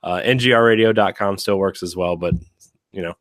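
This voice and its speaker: A podcast host with a very low voice, slightly raspy after a week of being sick, chats casually and rambles with many fillers and restarts. He speaks briskly with a bit of brightness, and the sound is close, dry and free of echo.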